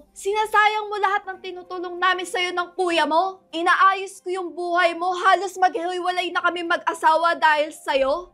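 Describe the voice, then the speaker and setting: A woman in a staged family clip, yelling and cursing, then lecturing sternly. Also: extremely high pitch. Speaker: vlogger.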